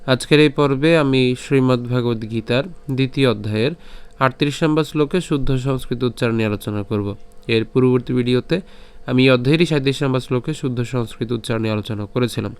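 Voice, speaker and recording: Male online recitation teacher, smooth resonant voice, slow drawn-out chanting between plain explanations. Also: mid-range voice. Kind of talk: recorded online lesson. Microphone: voice-over for slides.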